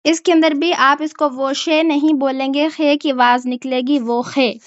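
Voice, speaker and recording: A woman's voice: sits high, steady tone, moderate pace, no echo, lo-fi sound. A woman teaching a German language class, explaining pronunciation patiently and checking in often with her students. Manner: patient, repeats "ठीक है?" to check understanding. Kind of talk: online language lesson.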